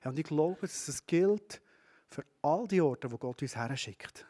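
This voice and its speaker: A man with a Swiss German accent preaches in a conversational way. He speaks straight to his listeners in a high voice. He often asks them questions. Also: lively intonation, takes it slowly, dark tone. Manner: conversational, addresses listeners directly. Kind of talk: sermon.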